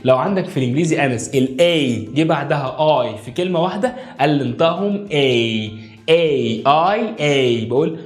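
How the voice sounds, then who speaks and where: A man with an Egyptian Arabic accent teaching English pronunciation at a whiteboard, coaxing his viewers and drilling each sound in a slow chant. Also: fairly high pitch, darkish tone, reverberant, faint music behind. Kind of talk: video lesson at a whiteboard. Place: indoor room with a whiteboard.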